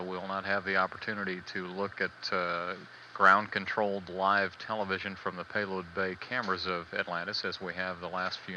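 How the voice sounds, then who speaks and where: Measured and a bit hesitant, a male mission control announcer delivers matter-of-fact live commentary on a spaceflight's status. His voice is deep and sharp-toned, but the old band-limited broadcast audio sounds dull and carries slight background noise.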